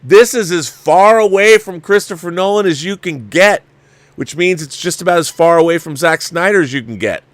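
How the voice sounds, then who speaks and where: This male livestream host has a high, animated, fairly bright voice at a moderate pace, with no echo. Reviewing a film, he gives casual commentary, answers viewers, repeats phrases for emphasis, and keeps restarting his sentences.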